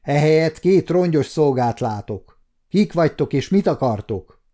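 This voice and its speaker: A man's voice: a little high, expressive, mellow, natural voice. A man voicing a stern, authoritative male regent who questions visitors. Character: commanding royal regent, stern and curious.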